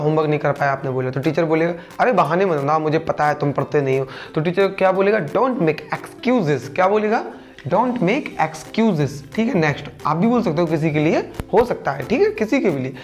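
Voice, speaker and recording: A man teaching an English lesson in Hindi, slowly repeating each example sentence several times. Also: a little high.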